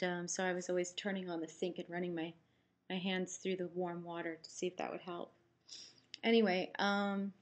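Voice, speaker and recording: A woman talking casually and candidly in a personal vlog, giving a health update in a chatty, matter-of-fact way. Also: mid-range voice. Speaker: vlogger giving a post-surgery update.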